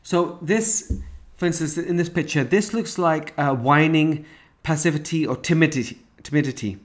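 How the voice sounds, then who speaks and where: A man's voice: on the high side, moderate pace. A man teaching a recorded parenting course, explaining each point step by step with frequent restarts. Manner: walks through examples and stages step by step.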